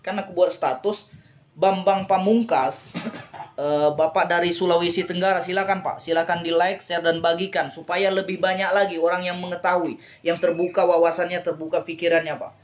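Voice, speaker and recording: A man's voice: sits high, level tone, normal speed, muffled recording. A man giving a persuasive business talk to a live online audience, often asking listeners whether they agree and repeating phrases for emphasis. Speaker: business motivational speaker.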